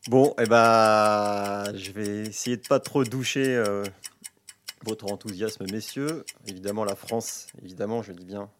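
A man's voice: fairly low pitch, measured pace, a little hiss or hum. A man appearing as a guest pundit on a sports podcast, complaining in a gloomy, dramatic way with stammering restarts. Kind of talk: casual sports podcast banter.

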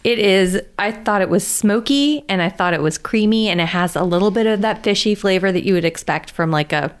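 A woman's voice: medium pitch, a little fast, clean tone. A woman co-hosting a podcast, chatting casually about food in an upbeat way and laughing easily. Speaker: podcast co-host. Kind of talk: casual food review chat.

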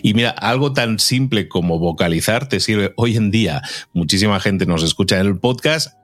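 Male co-host, low pitch, calm and conversational, dry close mic. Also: moderate pace, no room sound. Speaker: podcast co-host. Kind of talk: casual podcast chat.

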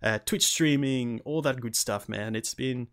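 A man's voice: mid-range voice, measured pace, fairly bright tone, clean tone. An enthusiastic man, chatting casually as a podcast host.

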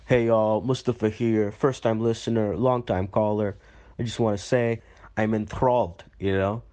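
An eager caller gushes, chatty and upbeat, played by a man. His voice sits on the low side and keeps tumbling into fillers. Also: steady tone, moderate pace, dark tone, lightly acted. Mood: enthusiastic. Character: chirpy enthusiastic male caller.

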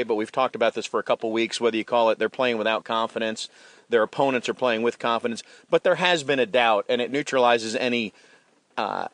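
A man's voice: mid-range voice, fairly bright tone, no room sound. A man hosting a sports talk show, chatting about a football game and reading sponsor spots in a conversational way. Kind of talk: sports radio talk and live ad reads.

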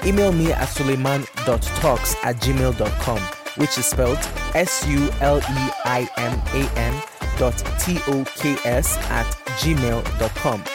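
Over background music, a man with a medium-pitched voice talks a little slowly on his solo podcast. He gives relationship advice and recommendations in a conversational, emphatic way, repeating words to stress his points.

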